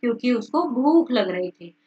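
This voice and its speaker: Woman teacher with a fairly high voice, retells a story line by line in casual words, muffled recording from a distance. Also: expressive, moderate pace. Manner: reads lines then re-explains in casual words. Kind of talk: explaining a story lesson.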